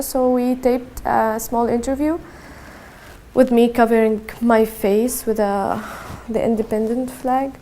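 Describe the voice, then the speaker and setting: Flat, gravelly young Syrian woman. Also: fairly high pitch. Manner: halting, repeats words, measured and subdued. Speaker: interviewee. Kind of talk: personal testimony.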